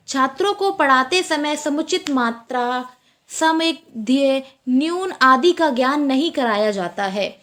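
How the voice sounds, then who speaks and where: A woman with a high voice gives an exam-prep lecture. She repeats each point slowly, then asks her own questions and answers them. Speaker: teacher.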